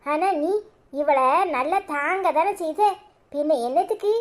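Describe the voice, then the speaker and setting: A scheming, sharp-tongued middle-aged mother played by a woman in a cartoon, gossiping in Tirunelveli Tamil. Her voice is high and she talks conspiratorially. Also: measured pace. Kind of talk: cartoon voice acting.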